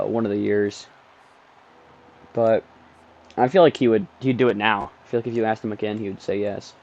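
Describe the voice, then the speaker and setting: A young man casually commentating his football video game from his bedroom, rambling between plays and getting excited over big moments, sounding sleepy. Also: on the low side, dull audio. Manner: rambling, excitable play-by-play with frequent ums. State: sleepy, yawning. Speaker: gaming streamer.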